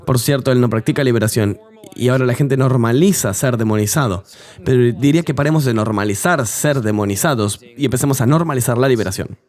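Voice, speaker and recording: A man's voice: medium pitch, fast talker, a little mellow. A man telling his testimony earnestly as an interview guest, in a dubbed voice-over of an interview.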